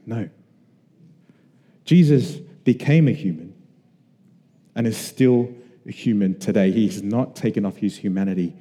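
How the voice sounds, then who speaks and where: Man from Australia, pastor, sermon, earnest conversational preaching, very dark mellow tone, long hall reverb. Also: on the low side, a little slow, long pauses.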